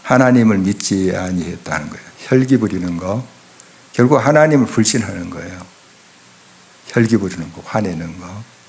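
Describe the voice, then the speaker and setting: A middle-aged man preaching in a church, speaking emphatically and often turning to his listeners with questions. His voice sits on the low side, and he delivers the sermon with steady conviction. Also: normal speed, gravelly. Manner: emphatic, rhetorical questions to the congregation. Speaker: pastor. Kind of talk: expository sermon. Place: church sanctuary.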